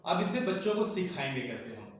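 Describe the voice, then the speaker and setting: A man's voice: mid-range voice, sing-song, brisk, recorded from a distance, slight background noise. Man lecturing in a very echoey room. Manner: explains step by step, repeats key words. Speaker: teacher trainer. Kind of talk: classroom lecture on teaching methods. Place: classroom with a board.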